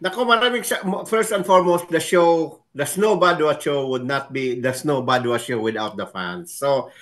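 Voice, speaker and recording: A man's voice: on the high side, normal speed. A man co-hosting a casual sports talk show, easygoing, switching often into English.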